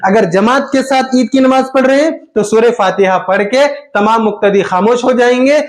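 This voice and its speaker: A man, patiently explaining step by step how to perform a prayer. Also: very high-pitched. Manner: slow, patient explaining with drawn-out takbirs. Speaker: religious teacher.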